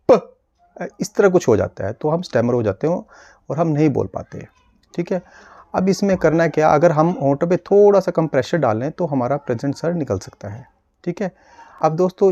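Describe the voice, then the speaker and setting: A man working as a speech therapist, giving a calm, patient lesson and slowly demonstrating sounds for viewers to copy. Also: a little high, no room sound, highs cut off. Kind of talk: instructional video lesson.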